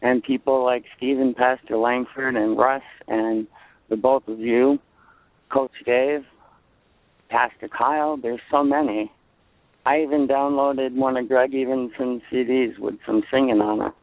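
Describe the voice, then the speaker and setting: A man's voice: mid-range voice, fairly even intonation, unhurried, dry recording. Blunt, defiant man on a tinny phone line. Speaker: caller. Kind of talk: call-in radio talk. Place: outdoors in a parking lot.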